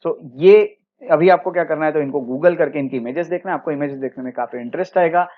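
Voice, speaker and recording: A man's voice: on the high side, quick pace, narrow, tinny audio. Indian man teaching an exam-prep history lecture. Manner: explains step by step, in Hindi mixed with English words.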